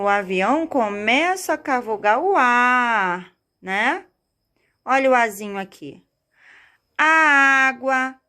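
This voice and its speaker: Lively, high-voiced woman teacher. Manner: animated, coaxing, stretches out key words. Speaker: teacher of young children. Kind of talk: recorded lesson for small children.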